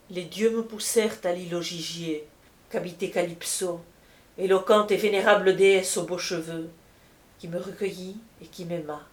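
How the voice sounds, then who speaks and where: A woman reading an ancient epic aloud as scripted narration, measured and solemn. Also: on the low side. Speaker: audiobook reader. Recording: roomy echo.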